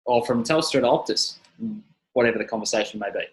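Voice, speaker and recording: A man who trains personal trainers, giving an energetic seminar talk and repeating his key phrases. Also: medium pitch, quick pace, low-quality recording.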